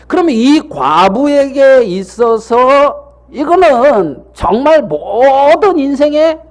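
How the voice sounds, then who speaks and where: Pastor, male, animated high-pitched preaching, rhetorical questions, repeats key lines. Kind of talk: sermon.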